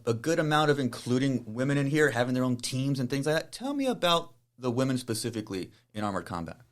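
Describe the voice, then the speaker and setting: A man hosting a podcast interview, asking relaxed, rambling questions full of fillers. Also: mid-range voice, fast. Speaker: podcast host. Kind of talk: casual interview.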